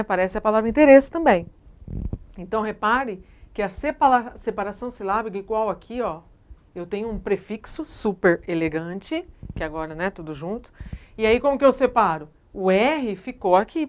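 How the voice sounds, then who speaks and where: A female teacher with a Brazilian Portuguese accent delivers a grammar lesson at an ordinary, mid-range pitch. She explains step by step and keeps checking in with her students through short tag questions.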